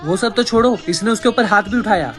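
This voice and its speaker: A woman's voice: medium pitch, brisk, close to an everyday voice. A woman playing an angry young husband who scolds and gives orders, over background music. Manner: scolding, commanding. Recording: music bed behind the voice.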